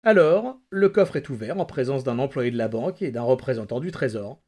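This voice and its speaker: A sly, menacing old former Nazi, voiced by a man reading a story aloud. He speaks softly and calculatingly, with quiet mocking menace, at an ordinary pitch. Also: animated, brisk, lightly acted. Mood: quietly menacing.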